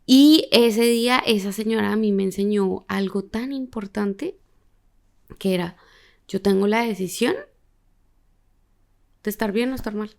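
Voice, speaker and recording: Gravelly woman telling stories. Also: medium pitch, a little slow, long pauses. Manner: animated, laughs often, acts out quoted people. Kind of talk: casual storytelling chat.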